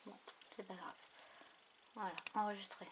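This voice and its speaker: A woman hosting a craft tutorial, thinking aloud in an unhurried way with many fillers as she works on a computer. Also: medium pitch, little pitch movement, noisy background. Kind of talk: casual screen tutorial narration. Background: mouse clicks.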